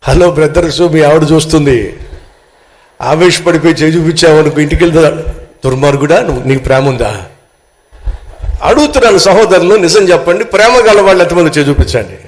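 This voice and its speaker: A man's voice: on the high side, a little fast. A male pastor preaching a sermon, telling stories and questioning his congregation directly. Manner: animated storytelling, addressing the congregation directly.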